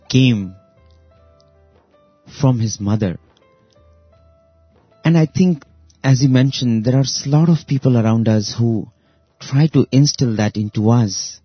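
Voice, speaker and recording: A man hosting a radio show, giving a reflective spiritual talk in a slow, deliberate way with long pauses. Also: mid-range voice, breathy edge, no room sound, dull audio. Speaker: radio host.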